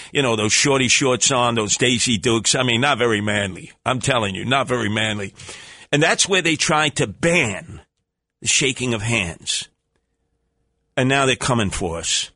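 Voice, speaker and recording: A man's voice: medium pitch, pushed and bright, dry recording, clean studio sound. A man with a New York accent hosting talk radio in a rambling comic monologue, theatrical, bombastic and streetwise, with colourful coined words.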